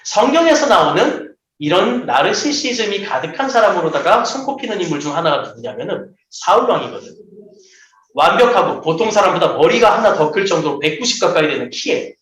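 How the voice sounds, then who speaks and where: A high-voiced man preaches to a room of children, his pitch climbing and dropping all over. He keeps slipping into the voices of the people in his stories. The sound rings around an echoey church hall. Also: brisk. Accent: Seoul Korean. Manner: lively, acts out quoted voices. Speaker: children's pastor. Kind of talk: sermon to children.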